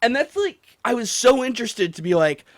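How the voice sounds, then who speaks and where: This livestream and podcast host, who takes callers, launches into a rambling, profane rant about a game, exasperated and animated, putting on mock voices to quote others. He has a very high-pitched voice and keeps a moderate pace, recorded dry.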